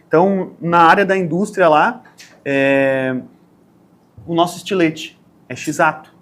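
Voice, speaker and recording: A man with a southern Brazilian accent, a podcast guest who tells stories in a lively way and acts out the lines of people in them. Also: a little high, unhurried. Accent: Brazilian Portuguese, southern Brazil. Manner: animated storyteller, acts out quotes. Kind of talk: casual podcast interview.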